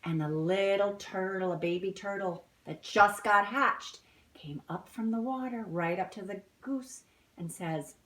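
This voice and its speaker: A woman with a medium-pitched, fairly bright voice reads a picture book aloud to small children a little slowly, adding chatty explanations and questions for them. The recording is rough.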